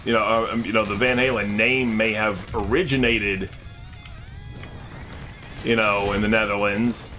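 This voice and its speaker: A man from America chats loosely over his game stream, rambling through thoughts with plenty of "you know" and "uh". His voice has a bright, forward edge, with faint guitar music playing underneath. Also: fairly low pitch, steady tone, unhurried, pauses often. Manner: rambling, chatty, with many fillers. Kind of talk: casual chat while gaming.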